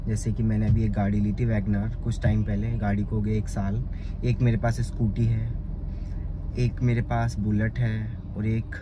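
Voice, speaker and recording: A young man from Uttar Pradesh, India, talking about his life in a chatty, rambling vlog, his voice often rising with excitement. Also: lowish voice, normal speed, lo-fi sound. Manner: chatty, rambling, with lively rises. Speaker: vlogger. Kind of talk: casual vlog narration. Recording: noisy outdoor phone recording.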